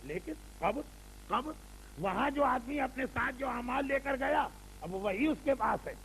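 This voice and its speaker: A man's voice: extremely high pitch, lively intonation, creaky, fairly bright tone, slight background noise, rough recording. An older man, a cleric, delivering a sermon in a repetitive, rhetorical style that mixes in English words. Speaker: Shia cleric preaching.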